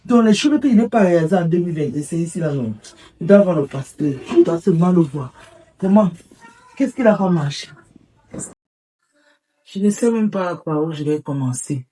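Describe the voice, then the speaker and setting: A woman's voice: fairly low pitch, expressive, normal speed, pauses often, warm tone, husky, distant mic. An actress playing an exasperated woman lamenting that none of her plans for the year came true, with emotional, exclamatory outbursts. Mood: despairing. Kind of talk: comic-dramatic film acting.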